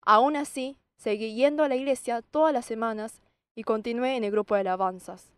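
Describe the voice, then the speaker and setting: A woman's voice: fairly high pitch, moderate pace, clear, resonant tone, no room sound. A young woman from South Korea giving a personal faith testimony, telling it expressively and acting out her own past words. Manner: expressive, acts out her own past shouts and quoted lines.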